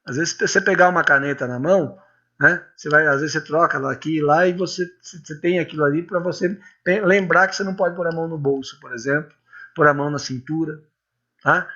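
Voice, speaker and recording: A man's voice: fairly high pitch, quick pace, pushed and bright. A man from Brazil giving an informal lecture on public speaking, chatty and full of tag questions and little anecdotes. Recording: dull lo-fi recording.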